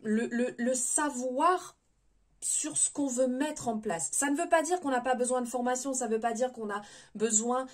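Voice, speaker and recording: A woman giving a spontaneous spiritual tarot reading, gentle and advising, often hesitating and restarting her words. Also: high-pitched, normal speed. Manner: hesitant, many fillers and restarts. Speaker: tarot reader.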